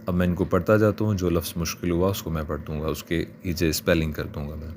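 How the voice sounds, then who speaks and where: A man with a Pakistani Urdu accent teaching children's Quran reading, slowly spelling out letters and vowel marks between quicker explanations. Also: deep voice, level tone, a little mellow, a little hiss or hum. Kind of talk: spelling out syllables for learners.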